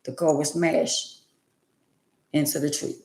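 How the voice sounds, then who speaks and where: A woman's voice: sits low, flat delivery, slow pace, roomy sound, noisy background. A woman around sixty, talking emphatically and repetitively in a preachy, casual way on her livestream. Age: 60s. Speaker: livestream host.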